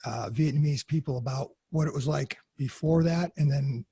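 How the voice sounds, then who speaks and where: A male podcast host with a gravelly, very husky voice chats loosely with his guest. His tone is dark and somewhat raised in pitch, recorded dry and close with little room sound. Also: moderate pace, no room sound. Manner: loose and chatty, with fillers and restarts. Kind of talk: casual interview hosting.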